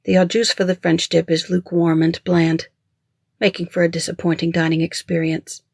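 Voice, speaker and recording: An author reading their own mystery-thriller audiobook in first person, with a measured, even storytelling manner, recorded close to the mic. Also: medium pitch, gravelly, no room sound. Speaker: author and narrator.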